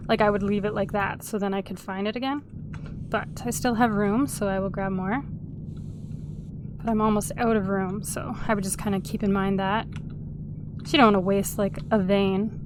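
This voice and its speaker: A gameplay video host with a mid-range, steady voice chats at a moderate pace over a noisy background. Sniffly from a cold, she gives casual let's-play commentary while humming and singing little tunes to herself.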